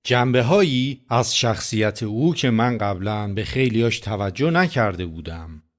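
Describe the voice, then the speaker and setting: A man's voice: fairly low pitch, animated. A man preaching a sermon, telling a personal story in an earnest, conversational way.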